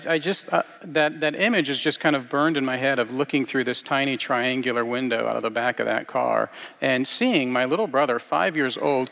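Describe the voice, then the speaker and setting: A man reading scripture and then preaching a sermon in a halting way, with many fillers and restarts. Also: mid-range voice, creaky, a bit bright, in a large hall. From grew up partly in Iceland.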